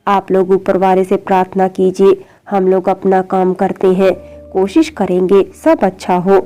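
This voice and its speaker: A woman voicing a calm male surgeon who gives news in a measured, reassuring way. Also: medium pitch, faint music behind, close to an everyday voice. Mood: serious.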